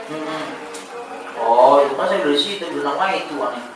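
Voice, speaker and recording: A man's voice: fairly high pitch, moderate pace, crowd noise. Man teaching Arabic in an echoey hall. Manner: quizzes the class, recites Arabic words loudly. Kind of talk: classroom lesson to adult students. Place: classroom or hall with an audience. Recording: very echoey room, distant voice, audience noise.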